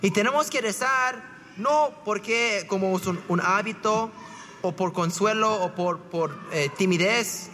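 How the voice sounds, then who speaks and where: A man's voice: high voice, measured pace, pushed and bright, big-room sound, slight background noise. A man, a priest, preaching a conversational homily full of rhetorical questions and repeated "¿verdad?".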